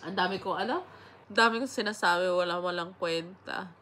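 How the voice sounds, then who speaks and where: A woman's voice: fairly low pitch, a little fast, sharp tone. A young Filipino woman vlogger chatting casually and rambling, swearing now and then, while sick. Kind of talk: casual chat.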